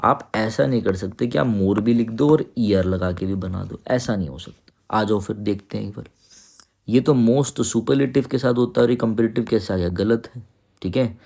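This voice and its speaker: Male tutor, low-pitched, gravelly, patient explainer who keeps checking students follow. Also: darkish tone. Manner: reads English sentences slowly and deliberately. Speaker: English teacher. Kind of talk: exam-prep grammar lesson.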